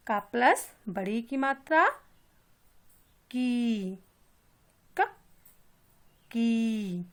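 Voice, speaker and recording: A woman teaching a kindergarten class in a slow, patient way, taking each sound one step at a time. Her voice sits fairly high, and she stretches out syllables so young learners can follow along. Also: fairly bright tone. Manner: patient and repetitive, drawing out sounds for children. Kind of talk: slow step-by-step Hindi lesson for young children.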